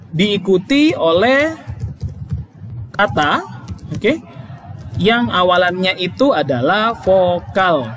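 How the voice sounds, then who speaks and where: A man's voice: high voice, fairly bright tone, a little hiss or hum. A male English teacher explaining grammar in a lesson, emphatic, repeating key points and checking with "oke?".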